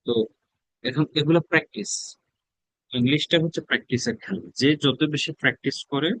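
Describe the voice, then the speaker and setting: A man from Bangladesh teaching spoken English, reading English sentences slowly and then translating each into Bengali. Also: on the high side, fairly bright tone, no echo, rough recording.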